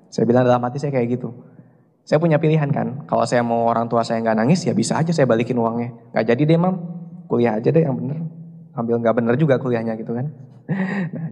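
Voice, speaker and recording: A man's voice: medium pitch, darkish tone. A young man giving a motivational business seminar, telling stories with jokes and quizzing the audience. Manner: jokey storytelling, keeps quizzing the audience. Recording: long hall reverb.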